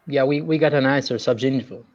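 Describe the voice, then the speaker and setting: A man's voice: mid-range voice, fast, darkish tone, dull audio. A man moderating an online lecture, chiming in briefly and with small stammers. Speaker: webinar moderator.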